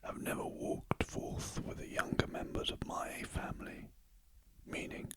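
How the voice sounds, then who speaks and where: A commanding, jovial storybook spirit of Christmas, played by a man with a British accent. The words come slowly in a breathy ASMR whisper. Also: close to an everyday voice. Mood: stately.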